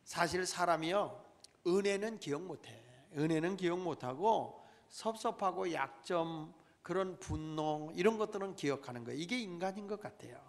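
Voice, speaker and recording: Middle-aged man, pastor preaching in a church, fairly high voice, long reverb tail. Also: normal speed, gravelly. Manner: preaching with calls to the congregation and dramatic emphasis. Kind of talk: sermon. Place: church sanctuary.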